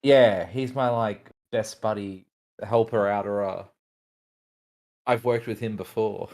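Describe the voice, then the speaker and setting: A man playing a tabletop game, joking in quick bursts. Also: on the low side, fairly even intonation, a little mellow. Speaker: player. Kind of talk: casual tabletop play.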